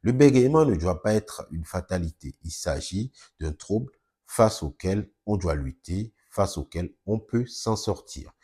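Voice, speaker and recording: A man who is a speech therapist, giving a steady, earnest explanation in a video presentation. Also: low voice, a little slow, breathy edge.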